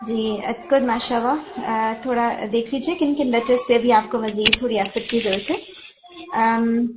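A woman's voice: on the high side, fairly even intonation. A woman teacher giving patient, detailed feedback on Quran recitation, explaining pronunciation step by step. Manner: patient, explanatory, mixes English terms. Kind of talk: tajweed feedback lesson. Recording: dull lo-fi audio with faint hiss.

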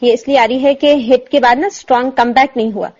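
A woman teaching Quranic pronunciation, patiently explaining and slowly demonstrating letter sounds. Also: high-pitched, steady tone, a little mellow, highs cut off. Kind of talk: tajweed lesson explaining articulation.

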